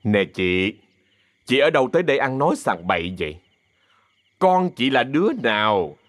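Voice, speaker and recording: A man voicing a fierce older woman who runs a theater troupe, cursing and yelling threats in a Southern Vietnamese accent. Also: mid-range voice, sing-song, normal speed, dry recording, studio quality. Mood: indignant.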